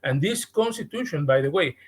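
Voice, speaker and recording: A man with a Mexican accent, a guest on a podcast, speaking earnestly and haltingly, often repeating words as he restarts. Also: fairly high pitch, animated, breathy edge. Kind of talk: podcast interview.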